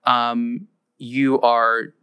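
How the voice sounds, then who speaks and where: A man's voice: mid-range voice, level tone, extremely slow, sharp tone, smooth. A man hosting a podcast interview, chatty and loose, often repeating words as he starts a thought. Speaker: podcast host. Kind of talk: casual interview.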